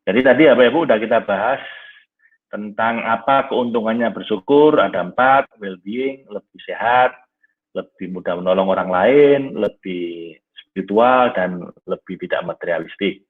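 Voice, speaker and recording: Low, husky man teaching over a tinny line. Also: moderate pace. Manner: warm, conversational lecturing, often says "Nah" and addresses "Bapak Ibu". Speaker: teacher of an online class. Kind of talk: live online class with questions from listeners. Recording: tinny phone-like audio.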